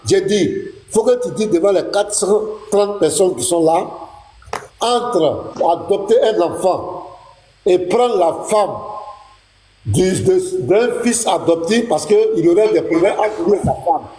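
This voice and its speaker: A man's voice: high-pitched, animated, slow, mellow. A man, a pastor hosting a live online debate, who insists and repeats his question again and again. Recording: roomy echo.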